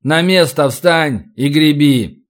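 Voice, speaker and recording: A man's voice: a little high, slow. A man reading a curt, commanding leader. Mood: stern.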